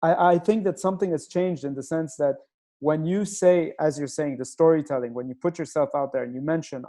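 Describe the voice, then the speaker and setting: A man's voice: on the high side, fairly quick, warm tone. A man who grew up in Nigeria hosts a casual interview over a video call. He talks hesitantly and searches for his words. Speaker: host.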